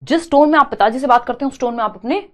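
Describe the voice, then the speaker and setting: Woman with a higher voice, exam-prep teacher in a live online class, explains step by step and reads viewer comments. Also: fast, fairly bright tone. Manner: explains step by step, mixing in English terms and reading out viewer comments.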